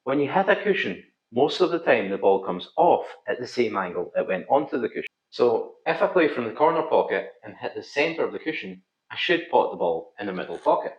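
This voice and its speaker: Thick-accented Scottish man, lively and melodic. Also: medium pitch, a little fast, hardly any pauses. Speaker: pool instructor, video host. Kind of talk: scripted instructional narration. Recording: slightly dull, roomy echo.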